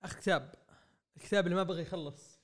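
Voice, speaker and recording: A young man, rambling excitedly through a comic review on a podcast mic. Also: high-pitched, very fast. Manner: excitable, rambling, acts out quotes. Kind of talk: casual podcast review chat. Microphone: podcast microphone.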